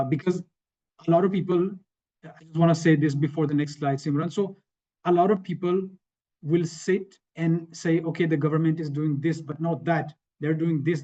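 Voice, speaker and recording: Presenting slides in an online webinar panel, a man from Sweden speaks in a slightly high but dark voice, chatting conversationally, repeating phrases and frequently asking "right?". It's captured through a video call, so the sound is dull and low-fidelity.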